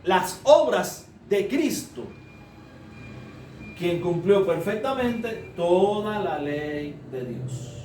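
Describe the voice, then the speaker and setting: A man's voice: sits high, lively intonation, extremely slow, a little mellow. A man preaching a sermon as a Bible study, explaining step by step and asking the congregation rhetorical questions. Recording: roomy, distant mic, faint noise.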